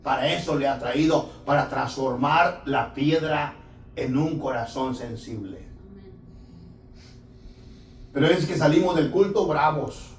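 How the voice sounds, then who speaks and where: A pastor preaches a sermon in church, his medium-pitched voice emphatic and a little slow, drawing out words, leaving long pauses, and putting questions to the congregation. He's heard from a distance in an echoey church hall.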